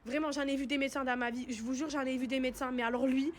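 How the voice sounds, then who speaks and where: Indignant high-voiced young woman ranting. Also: fairly even intonation, very fast. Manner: indignant, slangy, emphatic retelling. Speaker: content creator telling a personal story. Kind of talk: casual storytime to followers.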